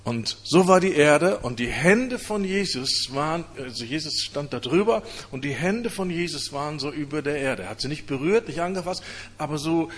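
A man preaching, telling his own conversion story in an earnest, halting way. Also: a little high, expressive. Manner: earnest storytelling with many hesitations. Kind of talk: testimony sermon.

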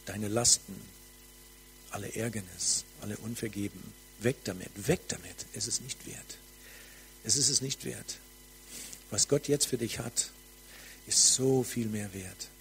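Slow fervent male preacher, faint hum. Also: fairly low pitch, poor audio. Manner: slow, fervent, drops to soft near-whispers. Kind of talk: charismatic sermon with prophetic ministry.

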